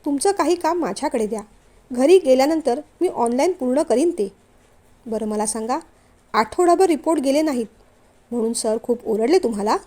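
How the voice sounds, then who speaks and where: A woman voicing a polite, gentle young man who is a company director, in a storybook reading. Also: high voice, expressive, moderate pace.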